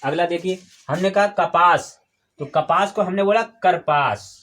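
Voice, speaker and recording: A male teacher with a notably high voice runs a classroom lesson. He keeps firing questions at the class and patiently repeats each key term until it sticks. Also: measured pace, a bit bright. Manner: quizzes the class with call-and-response questions. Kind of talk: classroom Hindi grammar lesson. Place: classroom with students.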